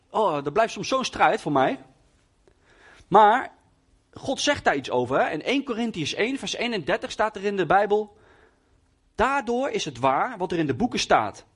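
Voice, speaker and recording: A young man preaching in Dutch, telling a personal testimony in a hesitant way with many fillers and restarts. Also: sits high. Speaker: lay preacher.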